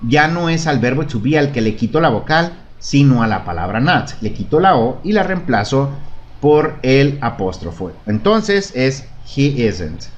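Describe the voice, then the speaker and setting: Heard on lo-fi audio, a medium-pitched man patiently runs an online beginner English class in Spanish. He models phrases for learners to repeat, repeats himself, and checks understanding by asking "¿De acuerdo?".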